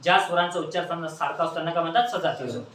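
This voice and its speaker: A man from Maharashtra, India, lectures on grammar in a classroom, repeatedly asking questions and getting his students to call back answers. His voice is a little high, fairly bright and rapid-fire, captured from far off in an echoey room with some hiss or hum.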